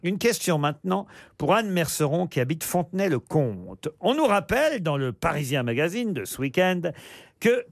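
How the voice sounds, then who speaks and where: A man's voice: a little high, very animated, normal speed, dry recording, clean studio sound. A man hosting a radio quiz show, reading prize plugs and teasing his panelists in a chatty way. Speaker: radio game show host. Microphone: studio microphone.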